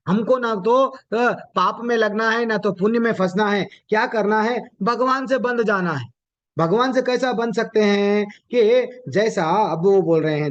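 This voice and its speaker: A man teaching a devotional scripture class, explaining each point, asking his listeners questions and repeating phrases for emphasis. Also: high voice. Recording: dull lo-fi audio.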